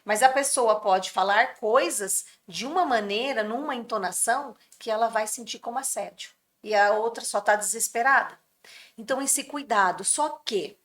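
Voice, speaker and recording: On a podcast, a guest whose first language is Brazilian Portuguese explains workplace mental health with earnest care. Her voice sits on the high side with a fairly bright tone, and she sometimes acts out what others say.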